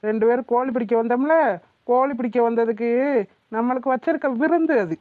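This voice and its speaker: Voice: medium pitch, fairly quick, dry recording, lightly acted. A voice actor playing a gloating village companion in a cartoon, taunting his friend. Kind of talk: cartoon voice acting. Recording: thin phone-like sound.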